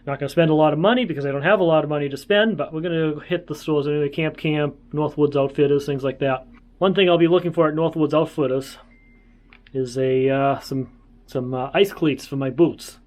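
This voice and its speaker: Male travel vlogger, a touch high in pitch, informal and easygoing, wanders as he talks. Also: fairly quick, darkish tone. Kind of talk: casual vlog chat.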